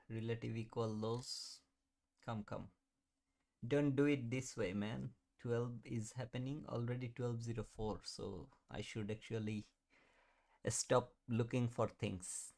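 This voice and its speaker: A man's voice: medium pitch, steady tone, slow, vocal fry, long pauses, a little mellow. A man in his thirties hosting a live trading stream, chatting casually, answering viewers and laughing often. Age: 30s. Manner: mutters at the chart while watching. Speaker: trading livestream host.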